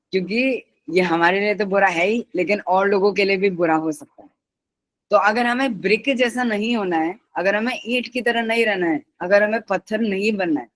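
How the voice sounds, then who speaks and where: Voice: medium pitch, fairly bright tone, no echo, rough recording. A teacher giving a patient live online class who repeats each key word and its synonyms and mixes in English words.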